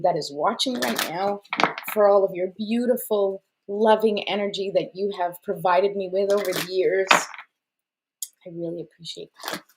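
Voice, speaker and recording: On a casual live stream, a woman reads oracle cards in a chatty, gushing style, with lots of fillers and small laughs. Portuguese was her first language, her voice is on the low side, and the audio is very noisy.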